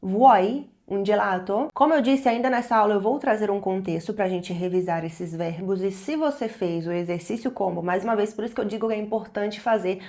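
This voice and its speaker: A woman's voice: medium pitch, a little mellow. Brazilian woman teaching a lesson. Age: 20s. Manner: slows down and stresses example phrases. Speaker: language teacher. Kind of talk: online language lesson.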